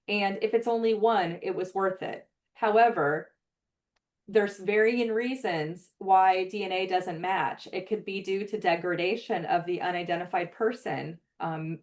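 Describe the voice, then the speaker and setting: Woman presenting a webinar, lots of fillers. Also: medium pitch. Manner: conversational, many "um" fillers; earnest, explanatory. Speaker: presenter for a forensic database program.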